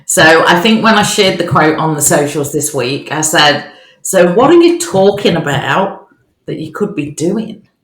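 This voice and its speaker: A woman's voice: sits low, expressive, unhurried. An Australian woman co-hosting a podcast in casual, upbeat chat, recorded in a new bare office that sounds echoey. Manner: upbeat, chatty, cheerful. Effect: echoey bare room. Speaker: podcast co-host.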